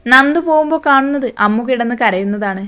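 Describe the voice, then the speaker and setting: A woman reading a romance story aloud, voicing the quoted lines softly. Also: a little high, a little fast, smooth.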